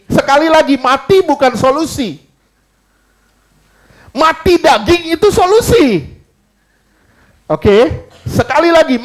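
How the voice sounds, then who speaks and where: A man preaching a sermon in church, emphatic, asking the congregation questions and mixing in casual slang. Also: very high voice. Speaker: pastor.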